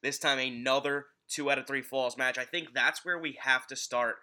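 A man's voice: medium pitch, steady tone, moderate pace, pushed and bright. A man hosting a casual sports podcast, recorded in a home basement. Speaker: podcast host. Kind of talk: casual sports podcast chat about wrestling.

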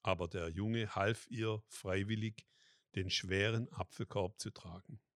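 Ein Mann liest langsam und ruhig eine christliche Adventsgeschichte vor und spricht danach einen Segen. Seine Stimme liegt eher tief und klingt trocken, ohne Raumhall. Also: male voice, fairly low pitch, dry recording, clean studio sound. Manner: slow, calm, devout. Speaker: story reader and prayer leader.

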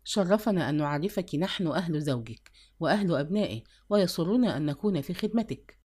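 A woman's voice: on the low side, expressive, fast talker, a little mellow, slightly rough. A woman voicing a dignified older man, courteous and formal, in a read-aloud story.

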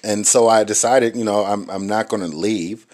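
A man's voice: fairly low pitch, steady tone, moderate pace, a little mellow. A man co-hosting a talk about marriage, speaking thoughtfully with frequent ums and restarts. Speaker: married co-host. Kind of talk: reflective casual talk.

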